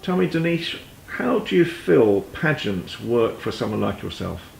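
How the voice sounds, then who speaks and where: A man's voice: mid-range voice, sing-song, measured pace, gravelly, reverberant, a little hiss or hum, poor audio. A man working as an interviewer who asks brief, prompting questions.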